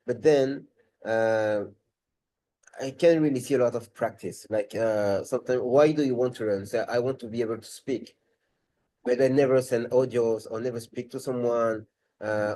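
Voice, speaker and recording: Mellow-voiced french-accented male tutor. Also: mid-range voice, slight background noise, low-quality recording. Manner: thinks aloud, rephrasing as he goes. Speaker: language tutor. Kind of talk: live webinar talk.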